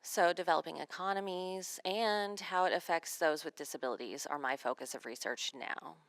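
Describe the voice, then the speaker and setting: A female sign language interpreter voices a signed seminar talk, delivering it in measured phrases one at a time. Her voice sits low, and the recording is dry.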